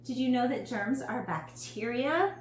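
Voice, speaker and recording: Lady doing a peppy storybook dentist, quizzing a kid, higher voice, echoey room. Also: animated, measured pace. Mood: explaining. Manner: emphatic, teacherly questioning. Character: friendly, enthusiastic adult dentist. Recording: roomy room with faint hum.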